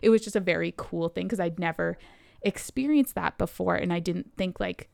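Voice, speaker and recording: Woman, Canadian, podcast co-host, animated storyteller, slight fry, dry close mic. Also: lowish voice, normal speed, no echo. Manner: animated storyteller acting out quotes. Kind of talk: casual storytelling chat. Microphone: podcast microphone.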